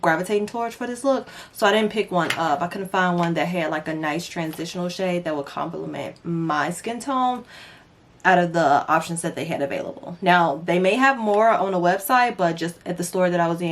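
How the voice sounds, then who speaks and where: A young woman talking through a makeup tutorial in a casual, chatty way, with playful asides to her viewers. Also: mid-range voice. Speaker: beauty vlogger.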